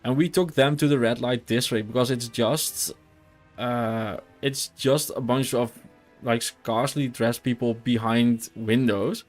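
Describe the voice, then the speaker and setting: A man's voice: mid-range voice, fairly even intonation, measured pace, faint music behind. Dutch man chatting while gaming. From Netherlands. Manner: rambling, many fillers and restarts. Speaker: streamer. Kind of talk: casual gameplay chat.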